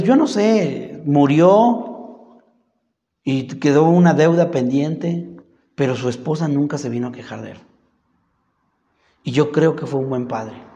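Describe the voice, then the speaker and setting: A man preaching a sermon, questioning the congregation, reading scripture and acting out quoted dialogue. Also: warm tone. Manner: asks the congregation questions and reads scripture aloud; acts out quoted dialogue in higher voices. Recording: reverberant hall, dull lo-fi sound.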